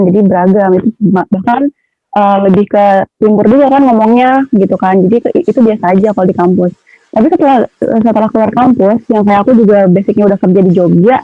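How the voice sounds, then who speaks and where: A young woman from Papua, a podcast guest telling a personal story in a direct, animated way. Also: mid-range voice, no room sound. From Papua, Indonesia. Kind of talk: casual storytelling. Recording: tinny, dry phone-like sound.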